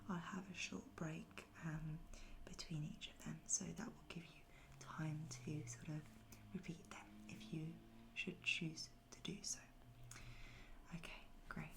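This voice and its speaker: A woman softly whispering an ASMR guided pep talk of affirmations in a gentle, reassuring, unhurried and breathy way. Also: low voice, flat delivery, rough recording. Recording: music behind the voice. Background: music.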